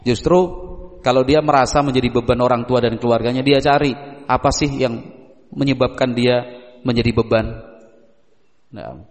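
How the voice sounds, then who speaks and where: A man's voice: mid-range voice, fairly even intonation, normal speed, pauses often. A man preaching in a casual question-and-answer style, who acts out little dialogues between parents and children and asks his listeners rhetorical questions. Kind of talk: casual religious Q&A lecture. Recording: long hall reverb.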